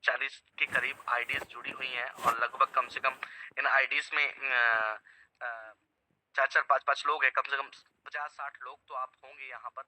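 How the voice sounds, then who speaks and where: A man's voice: mid-range voice, flat delivery, moderate pace, sharp tone, a little hiss or hum, poor audio. A man preaching a sermon to an online house church over a video call, emphatic, repeating phrases and quizzing his listeners.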